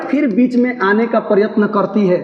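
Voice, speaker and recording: A man's voice: high voice, steady tone, moderate pace. A man, a Hindi teacher explaining a play line by line, repeating lines and telling listeners to pay attention. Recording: echoey room, dull lo-fi.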